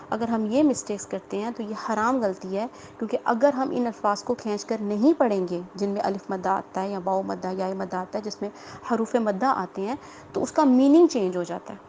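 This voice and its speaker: A woman's voice: mid-range voice, darkish tone, a little hiss or hum, rough recording. Patient woman teaching Quran recitation. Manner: patient and explanatory, repeats rules and asks the class questions; draws out the example words slowly. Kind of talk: online tajweed lesson.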